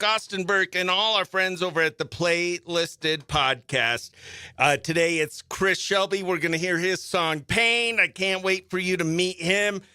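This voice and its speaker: A morning radio host with a high, clean voice chats excitably and playfully, trading banter and giveaway patter. Faint music plays beneath him on a dry recording.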